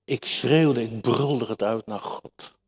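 A male preacher delivers his sermon slowly and deliberately, leaning hard on repeated words and turning straight to the congregation. His voice sits at an ordinary middle pitch. A long reverb trails each phrase through the hall. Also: husky. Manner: emphatic, repetitive, addresses congregation directly.

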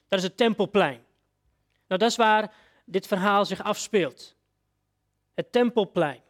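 High-voiced man preaching a vivid sermon. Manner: vivid storytelling, addressing listeners directly.

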